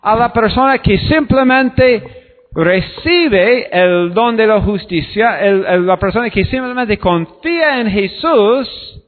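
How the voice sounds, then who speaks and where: Guy preaching slow, kinda high voice, sounds like a phone in a big echoey hall. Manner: slow, deliberate preaching with repetitions and quoted dialogue. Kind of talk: sermon. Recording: tinny phone-like sound with long hall reverb.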